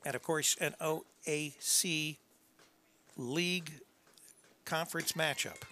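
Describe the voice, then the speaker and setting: A man giving conversational, unscripted play-by-play softball commentary with folksy asides. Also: a little high, slow pace. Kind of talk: unscripted live sports commentary. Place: press box at a college softball field.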